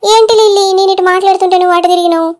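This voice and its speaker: A woman voicing a young wife in a cartoon, sharp and easily hurt, with a sulky manner. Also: fairly even intonation. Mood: suspicious, placating. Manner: chipmunk-high cartoon voice, rapid and sulky.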